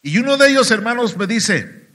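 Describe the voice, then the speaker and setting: A Mexican man preaching in church with a bright, ringing, high voice. His pitch leaps up and down as he tells his testimony. He is emphatic and keeps turning to the congregation. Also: big pitch swings, normal speed. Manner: emphatic, keeps addressing "hermanos". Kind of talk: sermon testimony.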